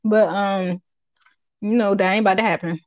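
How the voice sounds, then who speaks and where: A woman's voice: medium pitch, steady tone, normal speed, no echo, lo-fi sound. A woman with a Charleston Gullah Geechee accent chats casually as a podcast co-host, emphatic, colloquial and unfiltered, often repeating herself for weight. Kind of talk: casual opinionated chat.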